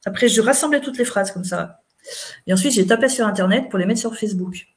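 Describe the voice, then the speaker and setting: A woman's voice: mid-range voice, fairly quick. Chatty middle-aged woman telling a story. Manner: chatty, recounts events with quoted dialogue. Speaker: interview guest, therapist. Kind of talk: casual storytelling in an interview.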